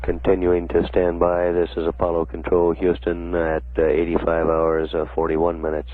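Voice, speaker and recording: A man with a low, monotone voice announces a spaceflight from mission control. His delivery is official, measured and halting. The sound is a narrow, dry 1960s radio feed. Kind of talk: live spaceflight commentary.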